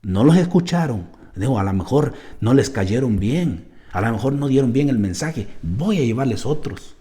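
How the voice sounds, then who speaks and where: Male pastor, church sermon, lively pitch swings, warm tone, dips quiet for emphasis. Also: moderate pace. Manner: emphatic, keeps addressing listeners as "hermano"; drops to a low, quiet voice for stress, then rises.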